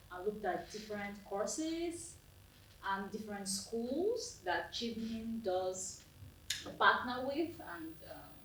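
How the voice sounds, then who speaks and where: A young woman from Nigeria answers panel questions hesitantly, with fillers and restarts in a mid voice. She sounds distant in a roomy space with a faint hum behind her. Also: mid-range voice. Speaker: panelist, scholar. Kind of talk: casual panel discussion. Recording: echoey room, distant mic, faint noise.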